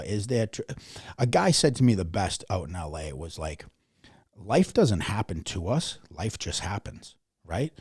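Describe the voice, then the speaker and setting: A man in his thirties, a podcast guest telling his story in a candid, blunt way, swearing freely and getting animated. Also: sits low, husky, no echo, clean studio sound. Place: podcast studio.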